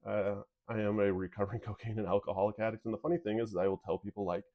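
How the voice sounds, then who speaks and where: A man's voice: on the low side, fast talker, highs cut off. A man hosting a casual card pack opening video, talking in a rambling, candid way with sniffles and a whistling nose. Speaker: video host.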